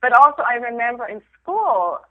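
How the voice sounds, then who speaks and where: Her voice on the high side and very animated, a middle-aged Danish interview guest who photographs women reflects in a casual conversation at a moderate pace. There's no echo, though the phone line sounds tinny. She laughs a lot and often restarts sentences.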